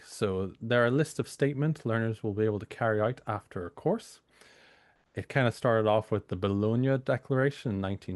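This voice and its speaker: A British university lecturer, a man a bit hoarse from a cold, giving an informal training talk full of fillers. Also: fairly low pitch, a little mellow, dry recording, clean studio sound. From United Kingdom. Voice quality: gravelly.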